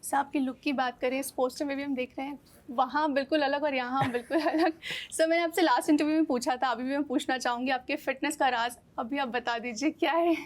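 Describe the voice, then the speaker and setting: A woman's voice: high voice, steady tone, fairly quick. A woman asking interview questions politely, addressing her guests as sir. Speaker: entertainment interviewer.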